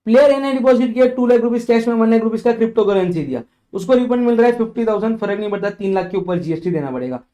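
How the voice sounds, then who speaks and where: A man teaching a tax revision lecture, working through examples and often asking if it is clear, with English legal phrases read out slowly. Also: high voice, dark tone. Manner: explains with worked examples and checks for understanding.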